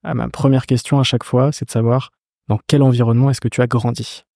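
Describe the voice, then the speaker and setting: French podcast host, lots of ums. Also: male voice, medium pitch, flat delivery, quick pace, warm tone, no echo, clean studio sound. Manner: hesitant, many fillers. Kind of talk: interview podcast.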